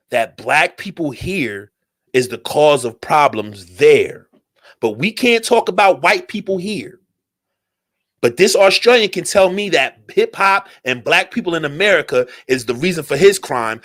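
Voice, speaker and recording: A man hosting a solo talk radio show, ranting in a profane, animated way and firing off rhetorical questions. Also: a little high.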